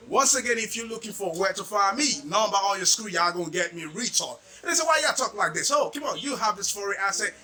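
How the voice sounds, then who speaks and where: A man's voice: high voice, sharp tone. A man from Nigeria selling cosmetics, showing off his stock in a stockroom with hyped, slangy salesman patter. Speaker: cosmetics seller. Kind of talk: product showcase video. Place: indoor stockroom full of products.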